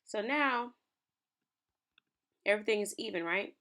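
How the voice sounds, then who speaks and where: A young woman with a mid-range, raspy voice, still rough from the early morning, chats upbeat with viewers while walking through a design tutorial on her shared screen. She's a small business owner and lifestyle creator, sounding animated and sharp-toned at a measured pace.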